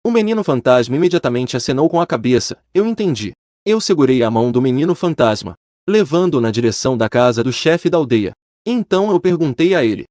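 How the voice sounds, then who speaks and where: A man's voice: on the high side, darkish tone, no room sound, clean studio sound. A man reading a first-person story aloud in a dramatic storytelling cadence. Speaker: narrator.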